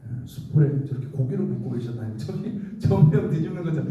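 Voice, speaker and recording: Man, youth pastor, interactive sermon, acts out voices, quizzes listeners, dark tone, distant mic, big echo. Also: mid-range voice, lively intonation, brisk, dull audio. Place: church hall. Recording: distant mic in echoey hall.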